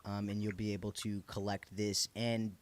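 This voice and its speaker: A man's voice: on the low side, flat delivery, normal speed, dry recording. A man with a Michigan accent hosting a casual interview, speaking in a slangy, encouraging, informal way. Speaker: podcast host.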